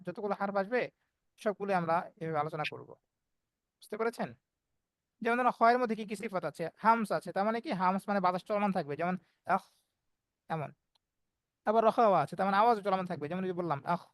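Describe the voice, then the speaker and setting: A man's voice: high voice, fast talker, dry recording. A man teaching Quran recitation in an online class, explaining step by step and voicing the letter sounds as examples.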